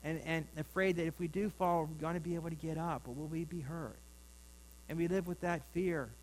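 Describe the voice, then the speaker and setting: A man's voice: a little high, steady tone, fairly quick, darkish tone, a little hiss or hum, low-quality recording. A middle-aged man preaching a sermon in a folksy, rambling way, with asides to his congregation. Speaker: pastor.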